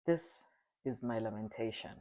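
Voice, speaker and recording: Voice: medium pitch, dark tone. Earnest solemn speaker. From Zambia. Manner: earnest and solemn, halting restarts when speaking freely. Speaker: speaker sharing a personal testimony. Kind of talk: reflective spoken testimony.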